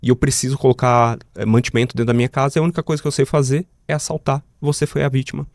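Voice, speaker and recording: A man's voice: medium pitch, flat delivery, very fast, darkish tone, no room sound, studio quality, close to an everyday voice. A man quoting a blunt, desperate armed robber. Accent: Brazilian. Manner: blunt, street slang. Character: desperate armed man in his forties, tough.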